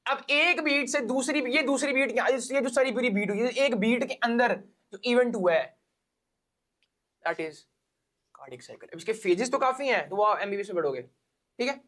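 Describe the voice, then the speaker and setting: A man's very high, fairly bright voice carries an animated, casual biology lecture for exam students at a normal speed, delivered in a Pakistani accent. He breaks things down step by step, goes over the main points again, and confirms the students are with him.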